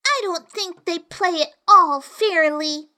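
A woman's voice: extremely high pitch, big pitch swings, a little slow, pushed and bright, voice pushed up, full character voice. A woman voicing a curious young girl who complains in a prim, fretful way. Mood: complaining.

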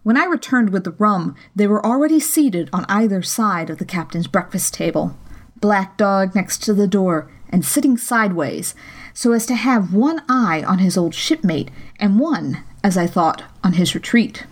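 A woman reading an audiobook, her storytelling steady and measured. Her voice sits at a middle pitch for a woman, calm and even through the narration. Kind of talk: scripted narration of a classic novel.

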